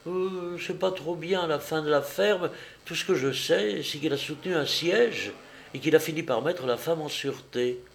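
A man's voice: fairly high pitch, normal speed, vocal fry, pitched above the performer's own voice. A man doing a gossiping society lady. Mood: gossipy. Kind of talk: audiobook reading.

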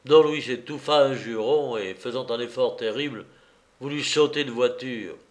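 A man narrating a novel in a measured, expressive storytelling voice. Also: mid-range voice. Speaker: audiobook narrator.

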